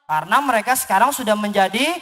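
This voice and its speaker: A woman telling a children's story to a young audience in an animated way, asking the children questions as she goes. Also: mid-range voice, quick pace, faint music behind. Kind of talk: storytelling for children at a live event. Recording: long hall reverb.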